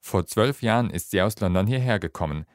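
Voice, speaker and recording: A man narrating a scripted radio feature in a calm, measured way. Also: on the low side, no echo, studio quality. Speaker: reporter.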